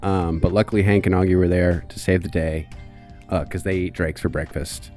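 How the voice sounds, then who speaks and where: A man's voice: deep voice, little pitch movement, normal speed, darkish tone, soft background music. A young man narrating a tabletop game as game master, loose and laughing. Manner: loose and laughing, lots of fillers.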